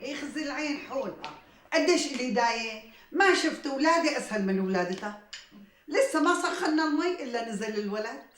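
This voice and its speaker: A chatty Damascene midwife. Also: female voice, high-pitched, lively intonation, quick pace, reverberant, slight background noise. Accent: Damascene Arabic. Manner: chatty, peacemaking. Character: chatty neighbour who delivers babies. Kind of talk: TV drama acting.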